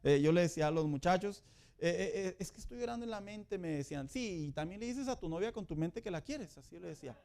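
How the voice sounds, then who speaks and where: A middle-aged man, preaching a Sunday school sermon in a lively, joking way. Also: fairly high pitch, fast talker. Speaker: pastor.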